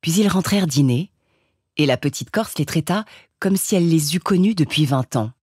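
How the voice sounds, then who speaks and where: Husky woman reading a novel aloud. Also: low voice, no room sound, studio quality. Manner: measured, expressive reading. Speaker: audiobook reader. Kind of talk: scripted narration of a classic novel.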